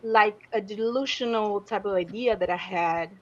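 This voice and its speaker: A woman in her twenties from Argentina, a guest artist talking casually in an interview, animated and searching for words. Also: medium pitch, moderate pace. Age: 20s. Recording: slightly dull lo-fi audio.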